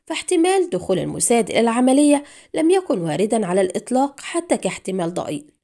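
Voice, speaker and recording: A woman narrating a spy thriller audiobook in an expressive storytelling manner. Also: a little high, very fast, creaky.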